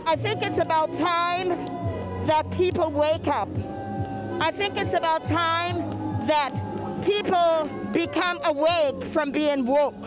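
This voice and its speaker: Slow, high-voiced woman at a protest. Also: rough recording. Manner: slow, deliberate. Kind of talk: street interview. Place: busy city street outdoors.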